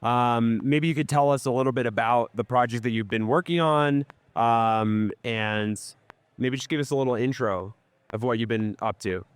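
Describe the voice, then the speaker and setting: A man's voice: mid-range voice, moderate pace, clear, resonant tone, no echo. A man hosting a casual interview, friendly and affirming, with lots of short replies. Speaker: podcast host.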